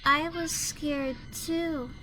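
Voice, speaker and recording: A woman voicing the guilt-ridden spirit of a man trapped in a doll, speaking in a cold, slow, robotic monotone. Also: high voice, music in the background, rough recording. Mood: remorseful.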